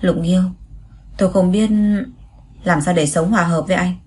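A cool, reserved young wife in a spoken storybook, read by a woman narrator. She speaks politely and with restraint, in a slightly low voice. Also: moderate pace, darkish tone, breathy edge.

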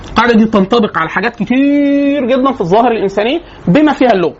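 Rapid-fire Egyptian man lecturing. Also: sits high. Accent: Egyptian Arabic. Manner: rapid, colloquial, many rhetorical questions and restarts. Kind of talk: informal lecture. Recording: slightly dull lo-fi sound with faint noise.

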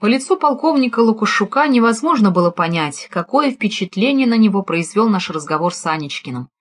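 A woman's voice: mid-range voice, expressive, a little fast. Woman reading a detective audiobook. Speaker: audiobook reader. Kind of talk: scripted narration.

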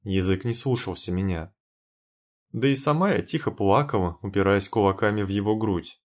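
A man's voice: lowish voice, normal speed. A man reading a dramatic first-person story aloud as an audiobook narrator. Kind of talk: scripted narration.

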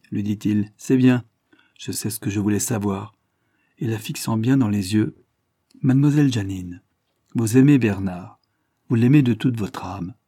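A man reading aloud, voicing a confident, hearty male police chief with a vibrant, brisk manner. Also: mid-range voice, mellow, dry recording, clean studio sound, natural voice. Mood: knowing.

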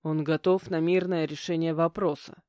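A man's voice: on the high side, little pitch movement, normal speed, a little mellow, clear, resonant tone, no room sound, studio quality, natural voice. A woman voicing a stern middle-aged stepfather who lectures curtly. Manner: curt, lecturing.

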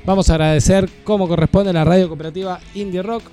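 Joking Argentine radio host, mellow voice. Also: male voice, high-pitched, fairly even intonation, fast, faint music behind. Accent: Argentine Spanish. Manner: joking, blunt, teasing. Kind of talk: casual radio banter.

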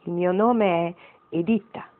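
A woman's voice: on the low side, measured pace, close to an everyday voice. A wry, tender great-grandmother from a storybook, musing over the old days, as a woman reads her part. The sound is narrow and phone-like. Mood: wistful.

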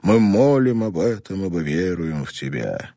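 A man voicing a priest who slowly intones funeral prayers. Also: low voice, very animated, warm tone, dry recording, studio quality, full character voice. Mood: intoning. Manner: slow, intoning. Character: solemn priest reading a burial prayer.

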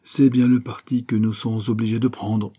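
Man reading a calm young Frenchman. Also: mid-range voice, moderate pace, breathy edge, pitched above the performer's own voice, natural voice. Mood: resolute.

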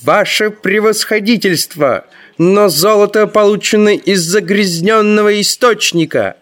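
A man's voice: sits high, measured pace, fairly bright tone, pitched above the performer's own voice. A man voicing a zealous, pious male courtier who protests indignantly, read as an audiobook. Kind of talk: audiobook narration.

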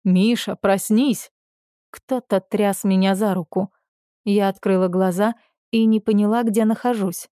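Mellow woman reading a first-person story. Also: mid-range voice, little pitch movement, normal speed, dry recording, studio quality. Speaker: audiobook narrator. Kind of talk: first-person scripted narration.

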